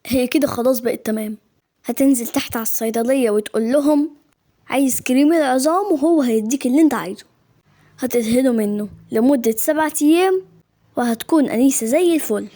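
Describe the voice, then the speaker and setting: A woman's voice: high voice, quick pace, dark tone, voice pushed down. Woman doing a kindly male doctor. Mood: matter-of-fact. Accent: Egyptian.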